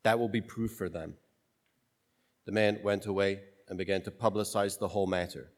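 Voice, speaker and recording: A man's voice: low voice, steady tone, normal speed. Man's voice with long cathedral echo. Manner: casual, joking, thinks aloud with restarts. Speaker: priest. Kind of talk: gospel reading and homily.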